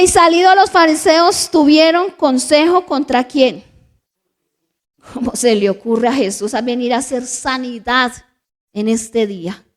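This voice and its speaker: A woman pastor with a Colombian accent preaches in church, her voice pitched high. She moves between hushed, confiding asides and lifted, emphatic declarations as she tells a story to her congregation. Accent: Colombian Spanish. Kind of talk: sermon.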